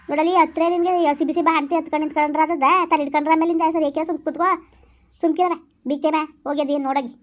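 A woman's voice: sits high, dull audio, close to an everyday voice. A woman playing a grieving village woman who laments and scolds while consoling her family in a rural family drama.

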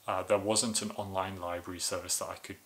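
A man's voice: low-pitched, flat delivery, fairly quick, fairly bright tone. A man in a casual to-camera video review, explaining things in an enthusiastic, plain way.

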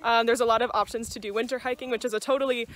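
Her fairly high, fairly bright voice races along in a level tone as this young adult student vlogger chats happily to the phone camera at arm's length. The settings shift between a small kitchen, a gas station, a car and an outdoor trail, and faint noise sits in the background.

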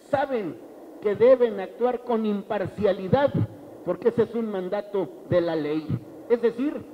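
A man's voice: sits high, muffled recording, a little hiss or hum. A middle-aged Mexican man giving an emphatic political speech with a handheld mic in a large banquet hall, repeating phrases for effect. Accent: Mexican Spanish.

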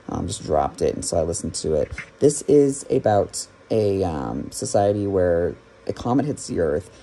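A young adult man records a casual, rambling podcast review to camera on a phone held at arm's length in a small room, adding wry, self-deprecating asides. His voice is fairly low and mellow, with clear background room noise.

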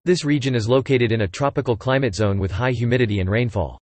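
A man reads English practice sentences from a script, one after another, at a brisk and even clip without any flourish. His voice is middle-pitched, and it's a dry recording with no surrounding room.

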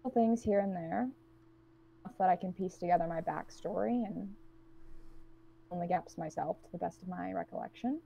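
A woman playing a cold, guarded woman trapped with strangers, who speaks in a blunt, cutting monotone. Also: lowish voice, fairly quick, vocal fry, pauses often, breathy edge.

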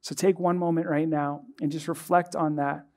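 A young man preaching a sermon from a church stage, earnest and measured, with many rhetorical questions. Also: fairly high pitch, flat delivery, a little mellow. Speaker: pastor. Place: dark church stage, indoors.

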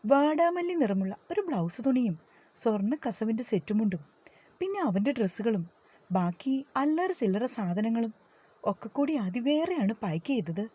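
A woman narrating a family story, gently voicing the relatives' lines now and then. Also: a little high, big pitch swings, moderate pace, husky. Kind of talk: scripted story narration with dialogue.

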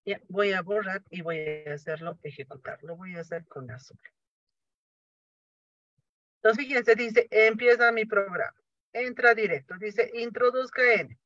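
A man's voice: high-pitched, a little slow, pauses often, bright, forceful tone, no room sound. A man teaching programming in a lecture, explaining each step and answering his own questions. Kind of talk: classroom lecture. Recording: dry, dull lo-fi sound.

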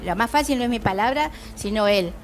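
A woman's voice: a little high, expressive, fairly quick, a little hiss or hum. A woman in her sixties with a Buenos Aires accent, telling her story in a talkative, emphatic way as an interview guest. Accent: Argentine Buenos Aires. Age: 60s. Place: TV studio, music behind.

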